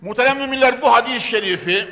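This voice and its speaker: High, bright-voiced preacher at a pulpit microphone. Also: male voice, fast talker. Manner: declaims Arabic quotations, drops to hushed earnest tones. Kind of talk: sermon. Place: preaching from a pulpit in a large hall. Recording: echoey hall with long reverb.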